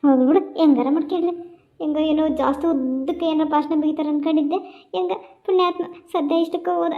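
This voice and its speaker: A woman voicing Radha, a chatty young office worker who talks too much, with a North Karnataka accent and rapid gossipy chatter. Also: sits high, fairly even intonation, phone-quality sound. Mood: grumbling. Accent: North Karnataka Kannada.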